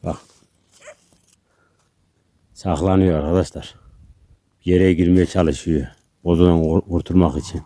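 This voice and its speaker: A man, filming outdoors on a handheld camera, coaxing and calming street dogs and chatting casually to his viewers. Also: deep voice, measured pace, long pauses. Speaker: street dog vlogger. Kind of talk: casual vlog commentary to viewers.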